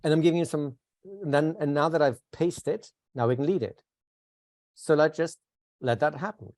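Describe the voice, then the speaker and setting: A man teaching a live workshop, talking conversationally, asking the class questions and shifting into a calm, soothing voice to demonstrate. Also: a little high, moderate pace, no room sound, studio quality. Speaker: instructor.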